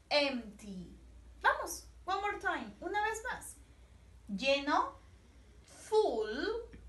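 Lively high-voiced woman teaching slowly. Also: roomy sound, far from the mic. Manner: animated, singsong teacher voice, repeats words for children. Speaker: English teacher for young children. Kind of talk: bilingual lesson, slow and drilled repetition.

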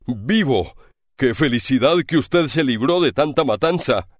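A man voicing a loyal pirate sailor speaking to his captain with deep emotion. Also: expressive, unhurried, no echo, studio quality. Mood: overjoyed. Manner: emotional, devoted.

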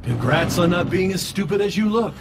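A man's voice: high voice, lively intonation, a little fast, very noisy. A man voicing a vain, mocking shapeshifting villain in an English anime dub, theatrical and smug. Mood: vain, gloating. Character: vain, taunting shapeshifting male villain posing as a friend. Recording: loud music behind, played through a stream. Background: dramatic music.

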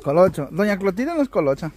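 A man's voice: sits high, big pitch swings, quick pace, a little mellow. A man with a Guatemalan accent chatting casually and jokingly with his family and viewers. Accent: Guatemalan Spanish. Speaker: vlogger, taco seller. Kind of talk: casual chat.

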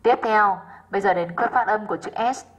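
Breathy woman teacher checking answers. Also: medium pitch, brisk, muffled recording. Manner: checks in often with rhetorical questions. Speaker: English teacher. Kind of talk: going over exercise answers.

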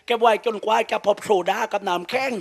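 A man's voice: sits high, steady tone, quick pace, gravelly, soft background music. A man with a Southern Thai accent, a shadow puppet master telling crude comic stories with jokes and laughs. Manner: crude, joking storytelling with laughs.

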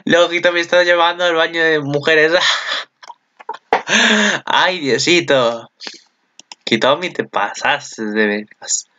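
Excitable bright-voiced Spaniard, lo-fi sound. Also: male voice, slow pace, pauses often, slight background noise. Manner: excitable, chatty, with sudden high exclamations. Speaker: video commentator. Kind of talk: casual reaction commentary.

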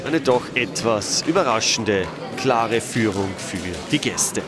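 Over music and a cheering crowd in a sports hall, a man with a lowish voice delivers slow match commentary as a recorded voice-over. He is matter-of-fact but lifts his voice at the key moments, with lively intonation.

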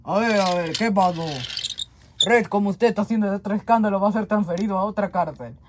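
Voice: medium pitch, fairly quick, slight background noise, lightly acted. Someone doing a curt bossy police officer. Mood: stern. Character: stern, petty prison police officer.

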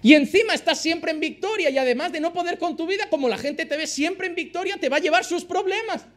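A male pastor delivers a fervent sermon. His voice sits unusually high, and he drives his points home by repeating phrases again and again. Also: fast talker, a bit bright. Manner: impassioned preaching, repeats phrases for emphasis.

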